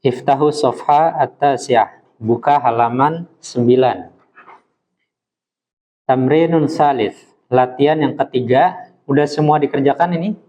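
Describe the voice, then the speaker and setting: A man teaching an Arabic class, patiently modelling pronunciation slowly for his students. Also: medium pitch, dark tone, dull audio. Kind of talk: classroom lesson.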